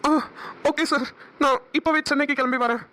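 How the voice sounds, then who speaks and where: A woman with a Namakkal Tamil accent voicing a flustered, hot-tempered older brother in a cartoon, stammering and shouting. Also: sits high, steady tone, brisk. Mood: anxious. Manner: flustered, stammering then explosive. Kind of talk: cartoon voice acting.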